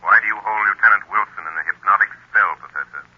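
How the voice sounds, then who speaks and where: An actor playing a mysterious, mocking avenger in a 1930s-style radio drama, ominous and theatrical, through a filter. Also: male voice, on the low side, fast, breathy edge. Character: mysterious male avenger, sinister, mocking, taunting. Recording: tinny dull vintage radio recording.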